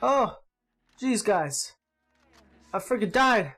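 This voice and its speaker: A man hosting his gaming channel, giving excitable gameplay commentary, yelping and groaning at the action and swapping in mild words for swearing. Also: high-pitched, slow, soft background music. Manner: excitable, yelps and groans at the game.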